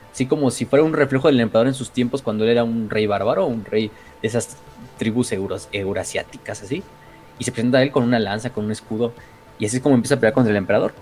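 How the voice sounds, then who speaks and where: A man with a Mexican accent, a streamer casually retelling game lore in an excitable, profane way, full of fillers and slang. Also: mid-range voice. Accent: Mexican Spanish.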